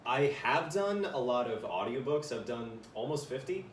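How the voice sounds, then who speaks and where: A man's voice: medium pitch, big pitch swings, moderate pace. A young adult man, a voiceover actor, talking casually as a podcast guest, chatty and full of fillers. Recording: roomy room, far mic, faint noise.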